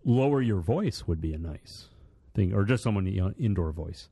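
A man co-hosting a podcast in relaxed, rambling chat, often repeating words as he talks. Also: sits low, normal speed, breathy edge. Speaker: podcast co-host. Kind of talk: casual chat.

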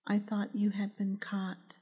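A woman's voice: mid-range voice, monotone, measured pace, mellow, highs cut off, close to an everyday voice. A woman voicing a frightened young mother held captive in a storybook, her words shaky and fearful.

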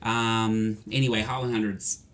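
A man's voice: lowish voice, level tone, moderate pace, a bit bright. Chatty man rambling about pop music. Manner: chatty, rambling with many fillers and restarts. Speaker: podcast co-host.

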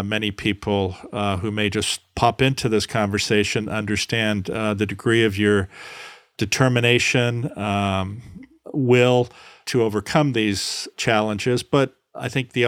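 A man's voice: lowish voice, clear, resonant tone, dry recording, studio quality. A man hosting a podcast, introducing and questioning his guest with many fillers. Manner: warm, gently hesitant, with many uh fillers. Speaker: podcast host. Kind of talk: podcast interview.

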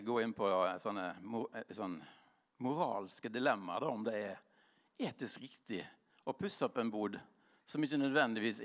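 A man's voice: medium pitch, a bit bright. A man speaking to a live audience in an informal sermon-style talk, rambling and self-deprecating, laughing often, with many fillers and restarts.

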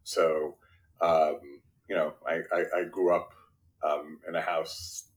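Speaking slowly in a deep, level voice, this fifties-aged podcast guest grew up in Brooklyn, New York, with Spanish as his first language. The conversation is a casual interview, and he pokes fun at himself while tossing in frequent short tag questions.

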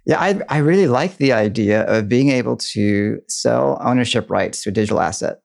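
A man's voice: mid-range voice, moderate pace, creaky, darkish tone. A man chatting on a podcast, sharing thoughtful, slightly hesitant opinions. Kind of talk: casual chat.

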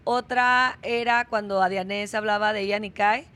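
A woman's voice: medium pitch, steady tone, normal speed, fairly bright tone. A woman from Mexico with a Mexican accent, a former contestant chatting eagerly. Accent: Mexican Spanish. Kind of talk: casual chat.

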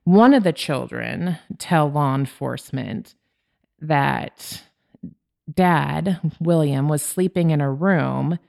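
A woman's voice: deep voice, slow, gravelly, a little mellow. A woman hosting a true crime podcast, retelling a case from her notes in a chatty way. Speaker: podcast host.

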